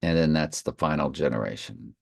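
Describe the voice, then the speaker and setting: A man's voice: a bass voice, brisk, vocal fry, husky, dry recording, studio quality. A man leading an informal Bible study, reading and commenting off the cuff, slightly slurring because half his mouth is numb from the dentist. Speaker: online Bible study host.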